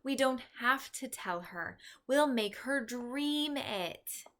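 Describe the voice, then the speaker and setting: A woman voicing an excitable, determined young orphan girl with emphatic, urgent delivery in a children's storybook. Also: high-pitched, slow, pitched above the performer's own voice, full character voice. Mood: eager, determined. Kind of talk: children's storybook read-aloud.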